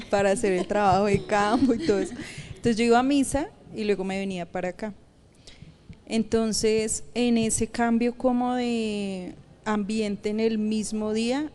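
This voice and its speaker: Woman pastor, interview guest, animated storyteller who laughs often. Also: medium pitch. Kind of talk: personal testimony in a podcast interview.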